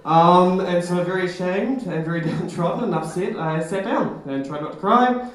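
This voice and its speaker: A man's voice: sits high, normal speed. A young man gives a comic, self-deprecating talk on stage at a live event, heard through an echoey hall. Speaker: presenter.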